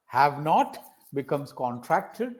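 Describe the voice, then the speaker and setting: A man's voice: fairly high pitch, sing-song, slow. A man from India, tutoring on a video call, encouraging and rattling off example sentences. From South India. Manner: encouraging, repeats phrases and gives many example sentences. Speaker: English tutor. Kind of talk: conversational English practice session.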